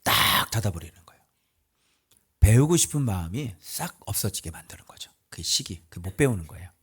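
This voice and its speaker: A male pastor preaching in a colloquial, emphatic way, often asking his listeners rhetorical questions, swinging between loud outbursts and low mutters. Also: big pitch swings, a little fast, husky. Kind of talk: sermon.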